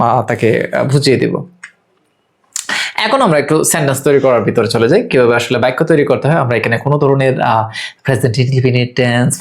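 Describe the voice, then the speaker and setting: A man giving an online English course, drilling words slowly and repeatedly with frequent filler pauses, and candidly admitting what he does not know. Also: medium pitch, vocal fry. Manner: candid, admits gaps in his own knowledge. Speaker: English teacher.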